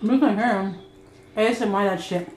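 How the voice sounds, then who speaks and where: A woman's voice: mid-range voice, brisk, darkish tone, echoey room. A woman hosting a casual eating-show vlog, chatting and joking while she eats. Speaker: vlog host.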